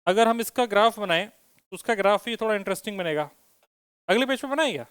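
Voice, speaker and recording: High-voiced man teaching physics. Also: animated, quick pace, fairly bright tone, clear, resonant tone, no room sound, studio quality. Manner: asks students questions, teasing and joking. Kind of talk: classroom lecture with students. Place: classroom.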